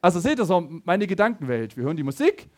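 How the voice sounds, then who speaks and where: A man preaching a sermon, telling a personal story with animated stammering restarts and talking straight to his listeners. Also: sits high, fast. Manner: animated, stammering restarts, addresses the audience directly.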